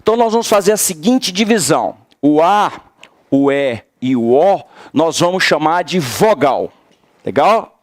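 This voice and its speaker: A man's voice: on the high side, lively intonation, a little slow, dry recording, studio quality. A man with a Brazilian accent teaching a class, emphatic, repeating key words and quizzing his students. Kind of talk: classroom lecture.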